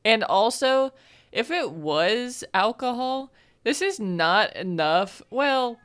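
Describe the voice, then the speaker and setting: A woman's voice: on the high side, expressive, takes it slowly, a bit bright, clean tone. A woman in her twenties, co-hosting a podcast in casual chat, telling stories in a rambling way full of fillers. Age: 20s. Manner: rambling, filler-heavy storytelling. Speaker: podcast co-host.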